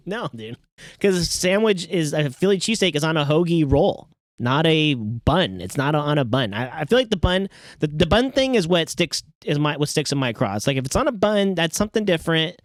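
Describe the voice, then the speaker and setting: A man with a slightly high voice chats on a podcast. He is animated, joking and quick to laugh. The sound is dry and close to the mic. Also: no echo. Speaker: podcast co-host. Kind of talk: casual chat.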